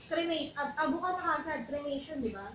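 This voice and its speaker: Chatty high-voiced woman in an echoey room. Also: lively intonation, distant mic, lo-fi sound, background noise. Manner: chatty, switches into slow deliberate English when reading scripture. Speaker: church talk show co-host. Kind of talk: casual faith talk, reading Bible verses.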